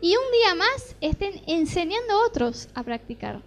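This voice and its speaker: A woman's voice: extremely high pitch, normal speed. A middle-aged woman with an Argentine Rioplatense accent, preaching a sermon built around a personal testimony. She tells her story vividly and acts out the dialogue as she goes. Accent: Argentine Rioplatense Spanish. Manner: animated storytelling, acting out dialogue.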